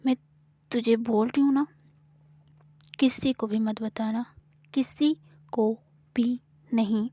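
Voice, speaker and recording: A woman's voice: fairly high pitch, steady tone, slow pace, long pauses, no echo. Woman playing a bossy, scolding young landowner, commanding, dry close recording. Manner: scolding, commanding, sometimes hushed. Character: bossy, brash young woman who owns the fields.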